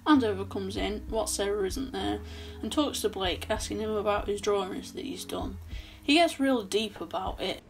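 A woman's voice: medium pitch, normal speed, creaky, slight background noise. A young woman recapping a horror film in a casual, chatty way with sarcastic asides, filmed in a small bedroom at her desk. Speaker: film reviewer.

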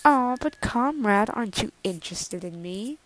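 A woman's voice: mid-range voice, animated, normal speed, lightly acted, low-quality recording. A woman voicing a smug, mocking young male rival in a fan audio drama. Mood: teasing. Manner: mocking, drawls "comrade".

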